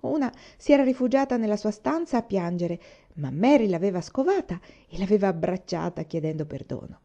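A woman reads a novel aloud, narrating in a calm, even storytelling manner. Her voice is mellow and warm, at a middle pitch. The recording sounds slightly dull and muffled. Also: brisk. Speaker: audiobook reader. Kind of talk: novel reading.

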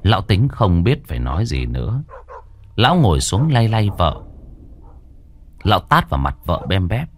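A man narrating a ghost story with a dramatic, drawn-out delivery. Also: low-pitched, big pitch swings, slight background noise.

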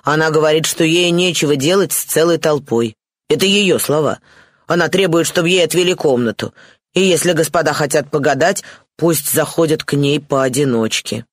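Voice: mid-range voice, normal speed, dry recording, clean studio sound, lightly acted. A reader playing an uneasy male footman. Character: nervous male household footman, deferential.

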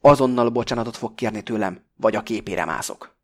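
A man's voice: mid-range voice, animated, a little mellow. A man voicing a fat, greedy and sly middle-aged Greek man in an audiobook, pompous and blustering. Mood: furious. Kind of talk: audiobook character voice.

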